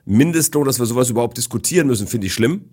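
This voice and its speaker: A man's voice: mid-range voice, animated, very fast, a little mellow, husky. A middle-aged man as a podcast guest, talking assertively and in a lecturing, declarative way. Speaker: guest, business speaker. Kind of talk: casual podcast conversation.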